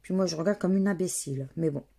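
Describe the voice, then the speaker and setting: A French scratch-card vlogger talks quickly in a lowish, warm voice that's creaky and slightly rough. She scratches lottery tickets while chatting casually and spelling out letters singly.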